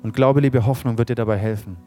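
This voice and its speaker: A middle-aged male pastor preaching with repeated rhetorical questions, then leading a hushed prayer. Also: medium pitch, fairly even intonation, fast talker. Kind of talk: sermon and led prayer. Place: church service with live music. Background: soft instrumental music.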